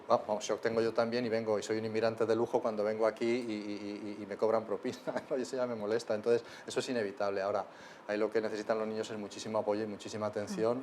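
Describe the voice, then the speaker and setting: Fast-talking low-voiced man from Spain. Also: darkish tone, slight background noise. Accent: Spain Spanish. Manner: discursive, with frequent tag questions. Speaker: guest lecturer. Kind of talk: lecture Q&A answer. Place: university lecture room.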